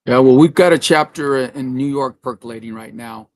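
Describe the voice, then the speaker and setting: A man's voice: medium pitch, a little fast, darkish tone, a little hiss or hum. A man leading a trade organization, speaking in a matter-of-fact, upbeat way in a casual conversation.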